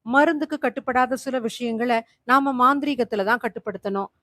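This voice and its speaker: A woman storyteller doing a calm, sober female doctor in a horror tale, measured and serious, in a fairly high, dry voice close to the mic. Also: no room sound, natural voice.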